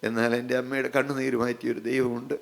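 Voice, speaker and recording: A man's voice: medium pitch, level tone, creaky. Man preaching an emphatic, repetitive sermon. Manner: repetitive, emphatic phrasing with slowed, drawn-out lines; addresses listeners directly with questions.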